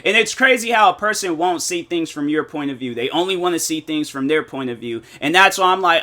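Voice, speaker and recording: A man's voice: fairly high pitch, sharp tone. A young man, rambling through a casual one-take commentary with lots of fillers and blunt slang. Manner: rambling, heavy use of fillers like "like" and "you know". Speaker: commentary YouTuber.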